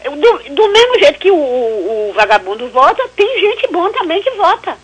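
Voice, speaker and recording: A woman's voice: extremely high pitch, big pitch swings, normal speed. A woman calling in to a radio show, heard over the phone line, talking in an indignant, preachy way with frequent stumbling restarts. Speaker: radio call-in listener. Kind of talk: caller's comment on a radio show.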